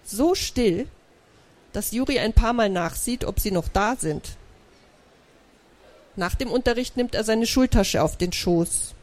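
A woman's voice: a little high, lively intonation, measured pace, pauses often, a little mellow. Woman reading a kids' book aloud. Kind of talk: live children's book reading.

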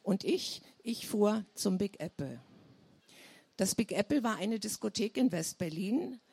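Author reading her novel. Woman, husky and gravelly, unhurried, dry close recording. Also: medium pitch, expressive, darkish tone, no echo.

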